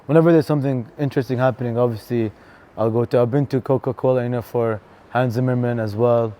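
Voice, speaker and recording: Laid-back DJ guest, man in his thirties, dark mellow tone, filler-heavy casual talk. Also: medium pitch, quick pace. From Canada. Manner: relaxed, chatty, lots of fillers and "bro". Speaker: DJ and venue co-founder, guest. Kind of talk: casual interview chat.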